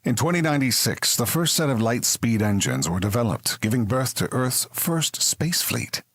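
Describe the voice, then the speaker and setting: In a comedy space audio drama, a man performs as both a grand sci-fi narrator and a slick future advertising announcer, with a theatrical, scripted delivery in a grave, epic mood. His medium-pitched voice is expressive and a bit bright at a moderate pace, with a little hiss or hum.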